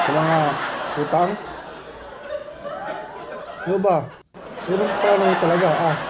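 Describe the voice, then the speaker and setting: A man performing a comic sketch, bickering in an exasperated, mocking way. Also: high voice. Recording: loud crowd and noise behind. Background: loud crowd laughter.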